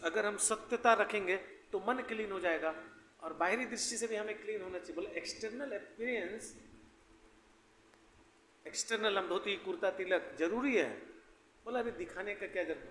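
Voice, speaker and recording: A man's voice: high voice, fairly bright tone, slight background noise. A man giving a devotional scripture lecture in a conversational, anecdotal way, often wry. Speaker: preacher giving scripture class. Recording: echoey hall with faint ambience.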